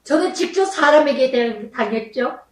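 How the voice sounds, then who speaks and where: A high-voiced woman pastor delivers a sermon, her pitch rising and falling widely as she pleads through her testimony. She stands some way from the mic, and the room around her is echoey. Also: lively intonation, moderate pace, distant mic. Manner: emotional, pleading testimony with swings in pitch and loudness.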